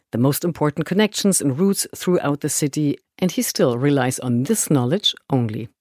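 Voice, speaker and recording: A man's voice: on the high side, a little mellow, dry recording, clean studio sound. A man hosting and narrating a scripted documentary report in an explanatory way. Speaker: host, reporter. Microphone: close dry narration mic.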